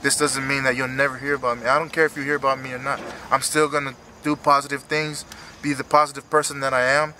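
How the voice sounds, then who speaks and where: A man in his thirties speaking emotionally and haltingly in an earnest, unscripted post-fight interview as a retiring fighter. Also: medium pitch, level tone, bright, forceful tone, a little hiss or hum. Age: 30s. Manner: halting, earnest, repeats himself.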